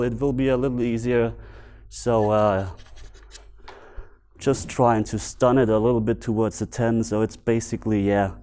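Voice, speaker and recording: A man from Bavaria with a German accent, a native German speaker giving casual, unscripted instructional commentary as a video host, pausing to find his words. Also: mid-range voice, mellow. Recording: music behind the voice. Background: background music.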